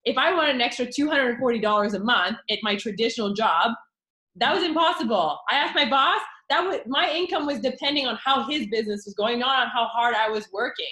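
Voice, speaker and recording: A woman pitching her network marketing business in an excited, chatty way, with many fillers. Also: a little fast. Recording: echoey room.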